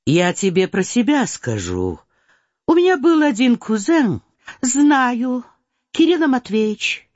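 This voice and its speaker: A woman reading a storybook voices an impulsive, playful teenage girl who talks in an excited, insistent way. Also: a little high, slow pace, no echo, voice pushed up. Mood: eager. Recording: slightly dull dry recording.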